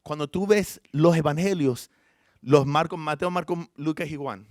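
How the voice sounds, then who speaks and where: A man preaching a sermon as pastor. He tells the story with animation, swings between hushed and loud passages, and adds informal asides and self-corrections. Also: fairly high pitch, a little slow, no echo, clean studio sound.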